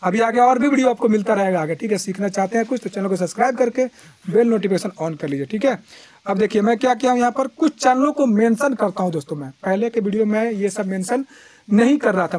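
Fast-talking high-voiced man teaching. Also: darkish tone, dry recording. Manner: chatty, repeats fillers, frequent restarts. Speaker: YouTube tutorial host. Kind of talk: casual screen-recorded tutorial. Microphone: lapel mic.

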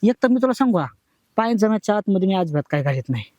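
A man's voice: high voice, very animated, racing, a little mellow, no room sound, dull audio. A man playing a cheeky, boastful brother-in-law who pesters in a comedy sketch.

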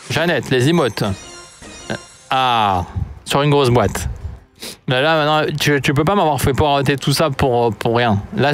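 Casting note: French male gaming YouTuber, fairly high voice, excitable and mock-outraged, light music under his desk-mic commentary. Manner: animated, exclaiming, mock-outraged. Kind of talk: pack opening commentary.

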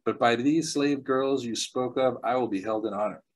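A man preaching a sermon, telling stories with bursts of excitement, laughter and quieter asides. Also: medium pitch, normal speed, low-quality recording. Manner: animated storyteller, laughs often, jumps between loud excitement and quiet asides.

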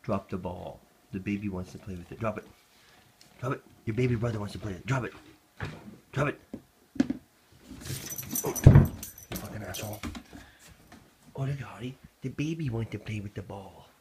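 A man's voice: lowish voice, fairly quick. A man filming his pets and talking to his dog in coaxing, teasing baby talk. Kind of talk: casual running commentary to pets. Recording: noisy home video recording.

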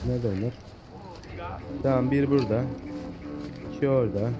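A man giving casual, excitable let's-play commentary, chatting away and talking to the animals in the game. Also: mid-range voice, moderate pace, music in the background. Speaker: gameplay commentator.

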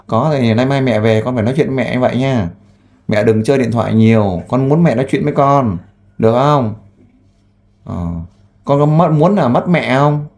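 A man who works as a volunteer interviewer. He asks gentle, coaxing questions and makes an earnest appeal with frequent fillers. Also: medium pitch, moderate pace, creaky. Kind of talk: on-the-spot interview and appeal to camera.

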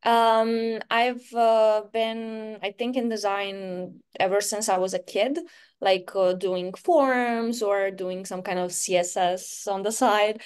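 A young woman from Croatia, speaking English as a second language, chatting in a relaxed video-call interview, with many fillers and easy laughs. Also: medium pitch, slow, clean tone. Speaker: interview guest, UX UI designer. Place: bright room at home, indoors. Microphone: webcam on a video call.

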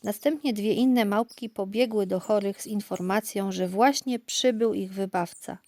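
A woman narrating a children's audiobook in a calm, clear storytelling voice. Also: mid-range voice, moderate pace, dry recording. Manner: calm, even, clear reading.

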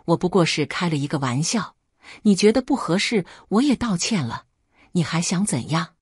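A woman's voice: lowish voice, sing-song, moderate pace, darkish tone, breathy edge, no echo. A woman reading the lines of a defensive young man in a spoken story, voicing them close to her own voice. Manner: pleading then impatient.

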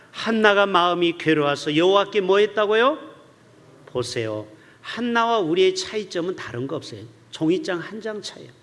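A man preaching in a church, his voice high for a man and full of rising and falling melody. He jumps from loud, urgent bursts to soft, low asides as he speaks to the congregation. A long hall reverb trails after his words. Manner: animated preaching, swings between loud outbursts and hushed low asides. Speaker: pastor. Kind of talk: sermon. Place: church sanctuary.

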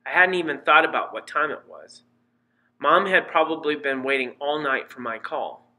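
A man giving scripted first-person narration of an audiobook in a plain, measured storytelling manner. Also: on the high side, pushed and bright.

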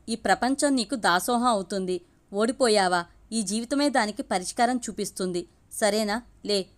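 A soothing, coaxing young woman in a storybook reading, as a female narrator gives her voice. She talks softly and steadily, urging her friend to be brave. The voice sits a little high. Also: lightly acted.

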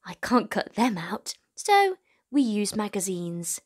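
A woman in her twenties with a mid-range voice speaks slowly, her pitch swinging widely. She hosts a children's storytime, reading and talking straight to young viewers in an encouraging manner.

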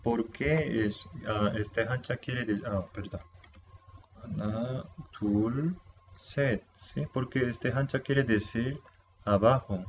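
Patient man teaching slowly, dull sound. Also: mid-range voice, steady tone. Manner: patient, repeats words slowly, checks in with "¿sí?". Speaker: Korean language teacher. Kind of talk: explaining vocabulary to a video audience. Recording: slightly dull sound with faint noise.

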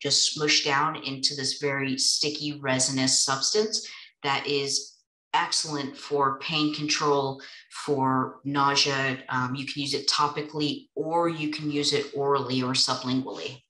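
A woman's voice: rumbling low, level tone, unhurried, bright, forceful tone, echoey room, low-quality recording. A woman co-hosting a webinar as a nurse, explaining medical points in an upbeat way with some fillers. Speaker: nurse co-host.

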